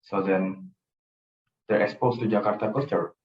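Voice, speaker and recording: A young man gives a student presentation about his own life in a slightly low voice. He talks earnestly and circles back to the same phrases. The sound is dull and roomy, as if the mic sat well away from him. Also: fairly even intonation, normal speed, distant mic. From Indonesia. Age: young adult. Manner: earnest, storytelling, repeats phrases. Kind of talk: personal presentation talk.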